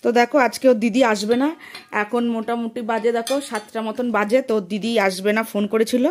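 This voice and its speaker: A woman's voice: a little high, steady tone, fast talker, low-quality recording. A woman vlogging her day as a mother, talking straight to her viewers in a chatty, casual way. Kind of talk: casual daily vlog narration. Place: outdoors on the street, then at home.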